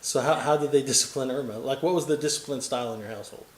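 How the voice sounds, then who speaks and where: A chatty man asks loose, rambling questions in a casual interview. He speaks at a mid pitch and slips in small jokes. His voice sounds roomy, as if recorded in an echoey room. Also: very fast, a little hiss or hum. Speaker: host, grandson interviewer.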